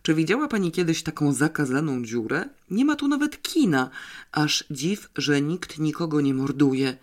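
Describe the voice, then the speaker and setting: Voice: medium pitch, very animated, normal speed, natural voice. Reader doing a flustered, rambling young man. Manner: rambling, apologetic, eager. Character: flustered chatty young man, apologetic nephew. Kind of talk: audiobook character voice.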